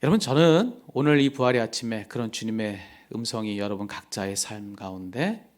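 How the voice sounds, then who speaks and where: A male pastor preaching a sermon, swinging from loud emphatic lines to soft whispered words of comfort. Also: on the low side, normal speed.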